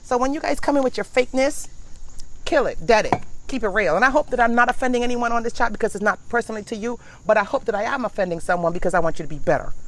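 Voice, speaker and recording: A woman's voice: on the high side, fast talker, a little hiss or hum. A middle-aged woman hosting a casual motivational chat outdoors in a backyard, talking in a blunt, emphatic, preachy way. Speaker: livestream host.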